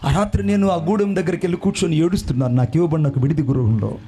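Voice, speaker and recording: Fervent high-voiced preacher. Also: male voice, racing, slight background noise. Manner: fervent, rising to shouts and chanted phrases. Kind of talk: sermon with personal testimony.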